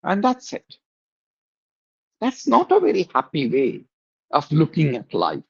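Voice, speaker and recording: A man teaching a class, explaining slowly with many pauses and fillers and asking his students questions. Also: on the high side, huge pitch swings, creaky, slightly rough, lo-fi sound. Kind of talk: classroom lecture.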